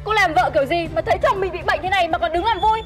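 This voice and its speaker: A stern young doctor, played by a woman, in a web skit drama. She scolds firmly in a very high, quick voice. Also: over music. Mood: reproachful. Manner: firm, reproachful. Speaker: actor.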